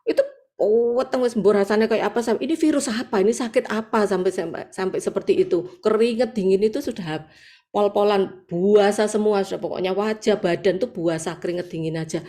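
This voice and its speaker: A woman's voice: mid-range voice, a little fast, warm tone. A woman with a Javanese accent giving a personal testimony over a video call at a prayer meeting, telling her story vividly with acted quotes and exclamations. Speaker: church member giving testimony.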